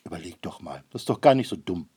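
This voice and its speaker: A man doing a gruff, loud old ark builder. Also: sits low, animated, fast. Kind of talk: storybook read-aloud.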